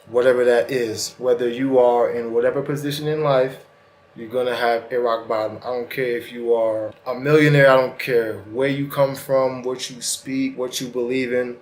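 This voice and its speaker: A man's voice: mid-range voice, steady tone, normal speed, slight background noise. Man with retainer lisp, echoey room. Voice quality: slightly lisping, slurred speech from wearing a retainer. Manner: casual, colloquial, earnest direct address. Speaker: host of self-help vlog. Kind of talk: motivational monologue to camera.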